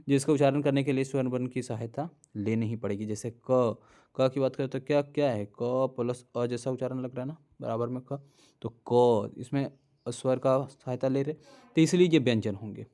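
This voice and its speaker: A man's voice: medium pitch, moderate pace, mellow. A young man teaching a grammar lesson, explaining step by step, repeating each letter aloud and checking in with his listeners.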